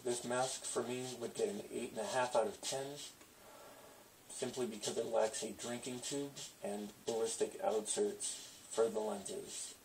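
A man's voice: lowish voice, fairly even intonation, a little slow, a little mellow, recorded from a distance. A man talking through a gas mask, reviewing it in a casual and enthusiastic way. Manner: enthusiastic, rambling with fillers. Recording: muffled voice from farther off the mic, faint room noise.

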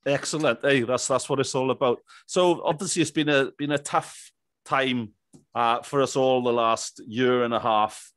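This podcast host, a man in his thirties, keeps a casual interview chummy and jovial from a small indoor room, using a close boom-arm microphone and headphones. His medium-pitched voice is a bit bright, with a moderate pace and no room sound.

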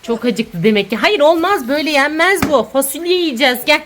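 Chatty high-voiced mother vlogging. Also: lively intonation, fairly quick, fairly bright tone, slight background noise. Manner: chatty, playfully scolding her children. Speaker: mother and channel host. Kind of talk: casual family vlog, talking to viewers. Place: home kitchen.

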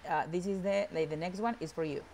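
Woman english teacher, low gravelly voice, drags out words to show how they sound, bit of background hiss. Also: a little mellow. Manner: repeats words slowly to model pronunciation; switches between English and Spanish. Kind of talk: online English class.

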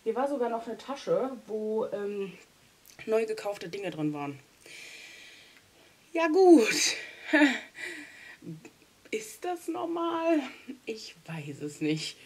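Speaking in a fairly high, sing-song voice, a young woman draws out her words and leaves long pauses. She's vlogging a casual clean-with-me as she tidies a small home storage room, explaining each step chattily and laughing often, captured by a wide-angle camera on a stand.

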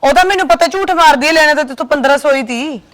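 A woman's voice: high-pitched, fast talker, a bit bright. A woman playing a gossipy daughter-in-law who talks a neighbour round. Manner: persuasive, chatty, gossiping about her mother-in-law. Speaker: daughter-in-law in a comedy sketch. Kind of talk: comic village drama.

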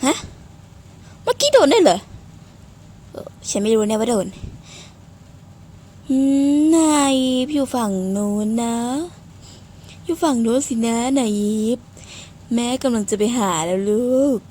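A woman giving casual gameplay commentary, excitable and playfully swearing, squealing at her game. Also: fairly high pitch, unhurried, pauses often, a little hiss or hum. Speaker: game streamer.

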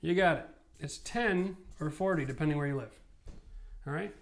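A man from Canada in his forties explains home renovation at a studio whiteboard, talking through a lapel mic. His voice sits a little high for a man, and he talks in an emphatic, animated way that builds into passionate rants. He sounds tired. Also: normal speed, vocal fry. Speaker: renovation expert host. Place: studio set with whiteboard, indoors.

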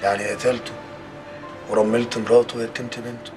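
An actor playing a grieving, guilt-ridden son, speaking with an Egyptian Arabic accent in an anguished, despairing manner. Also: male voice, mid-range voice, flat delivery, brisk, music in the background, close to an everyday voice. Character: guilt-stricken police officer son. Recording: distant TV drama audio with score.

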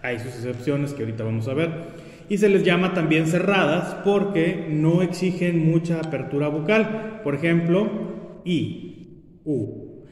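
A man's voice: fairly high pitch, moderate pace, a little mellow. A male teacher giving a spelling lesson, patiently repeating examples and checking in with "¿ok?" between points. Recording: echoey room with long reverb.

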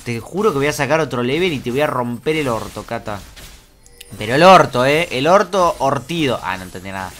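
A young man with an Argentine accent giving fast, excitable gameplay commentary, explaining moves and swearing casually as he plays. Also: mid-range voice, faint music behind. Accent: Argentine Spanish. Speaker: gaming YouTuber.

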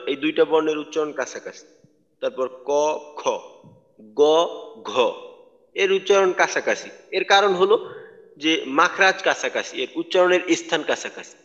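A man's voice: a little high, fairly bright tone. Man teaching tajweed in an online class. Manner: patient, explanatory, repeats points for emphasis. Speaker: Quran recitation teacher. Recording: dull lo-fi audio with long reverb.

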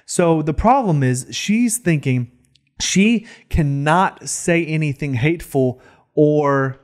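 A man's voice: a little high, slow pace, a little mellow. A man in his thirties co-hosting a casual reaction podcast, opinionated and fond of rhetorical questions, close on a studio mic. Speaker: podcast co-host. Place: small foam-treated studio. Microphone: close studio microphone on boom arm.

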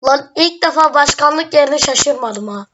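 High-voiced woman joking through a game. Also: unhurried, highs cut off, noisy background. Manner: playful, swears jokingly and laughs often. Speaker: gamer. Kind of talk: casual game commentary.

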